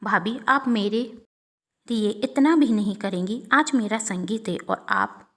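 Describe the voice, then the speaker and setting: A woman's voice: mid-range voice, very animated, a little slow, a bit bright. A woman playing an insistent young bride. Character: young bride preparing for her wedding.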